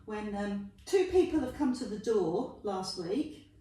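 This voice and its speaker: Animated yet measured, with a mellow mid-range voice, a middle-aged Pilates instructor from London counts reps aloud. She cheers the viewer on and makes playful asides, recorded from afar in a room with echo.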